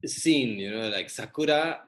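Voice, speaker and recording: A man hosting an interview, asking questions in a relaxed, halting way over a video call. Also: mid-range voice. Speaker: interviewer, host.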